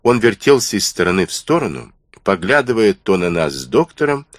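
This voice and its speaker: A man reads a classic adventure story in a deep, husky voice with lively intonation. The recording is close and dry, with no room around it. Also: brisk, dry recording. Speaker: audiobook narrator. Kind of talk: scripted first-person narration.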